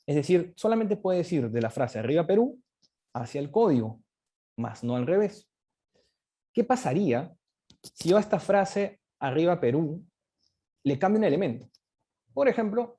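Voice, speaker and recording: A guest speaker on crypto economics lectures with slides, walking through points step by step and often closing them with a tag question. His voice is fairly high, dark and husky.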